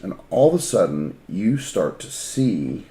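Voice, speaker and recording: A man's voice: sits low, very animated, unhurried, mellow, slight background noise. A man narrating a tabletop game as game master in a casual way, with many fillers. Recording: roomy echo with music behind.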